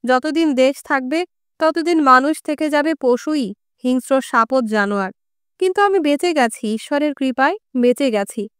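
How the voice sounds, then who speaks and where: Woman voicing an old Greek man, coarse, cursing, bitter, audiobook, high voice, dry close sound. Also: normal speed, no echo, lightly acted. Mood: challenging. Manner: crude colloquial talk with curses. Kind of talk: audiobook character reading.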